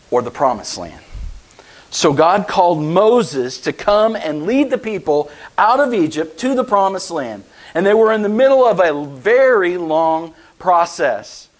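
Male pastor, conversational sermon delivery, unhurried pace. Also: fairly high pitch, rough recording. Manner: conversational, asks the congregation rhetorical questions.

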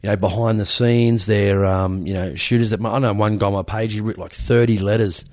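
An Australian podcast host chats casually in an interview, rambling in a blokey, matey way. His voice is fairly low, steady, brisk and a little mellow, captured in a dry, studio-quality recording.

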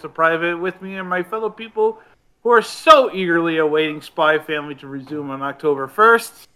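A man's voice: on the high side, bright, forceful tone, clean tone. A man hosting a casual podcast over an online call, joking and rambling with many fillers. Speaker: podcast host. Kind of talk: casual chat. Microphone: online call microphone.

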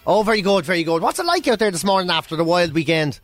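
A man's voice: high-pitched, sing-song, quick pace, a bit bright, dry recording, faint music behind. A man with an Irish accent co-hosting a radio show with casual banter. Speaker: radio co-host.

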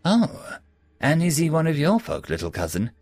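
A man voicing a curious, probing woman innkeeper in a story, asking in an inquisitive, halting way. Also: a little high, huge pitch swings, darkish tone, dry recording, faint music behind, pitched above the performer's own voice, exaggerated voice.

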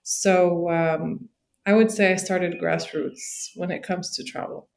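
A woman from Morocco, a podcast guest, telling her story in a friendly, relaxed way with fillers. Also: on the low side, takes it slowly, creaky. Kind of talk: casual interview chat.

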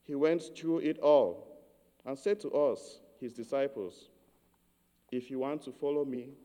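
A man from Cameroon giving a measured, earnest homily as a priest. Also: medium pitch, warm tone, long reverb tail.

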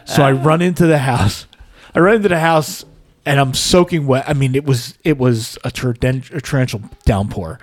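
A man's voice: medium pitch, moderate pace, dry recording. Man, podcast co-host, casual storyteller, self-mocking, dry mic. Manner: rambling anecdotes with self-mocking humor. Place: podcast studio.

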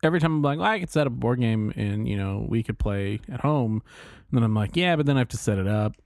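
Male podcast co-host, mid-pitched, casual conversational delivery, dry close sound. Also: animated, fast talker, gravelly, a little mellow, no room sound. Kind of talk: casual chat.

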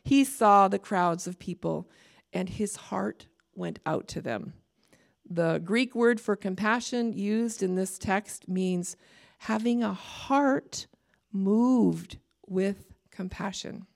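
A middle-aged woman from Canada with a Canadian accent, a chaplain giving a sermon in a conversational way with warm asides and light laughter. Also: medium pitch, takes it slowly, vocal fry. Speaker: chaplain and preacher.

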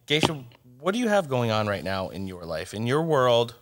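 A man's voice: medium pitch, big pitch swings, moderate pace, fairly bright tone. A man co-hosting a podcast, teasing the others in casual banter. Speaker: podcast co-host.

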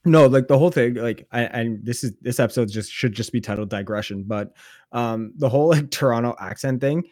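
A man's voice: mid-range voice, brisk, a little mellow, no echo. A man co-hosting a sports podcast, joking around in easygoing casual chat. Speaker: podcast co-host. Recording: dry close mic.

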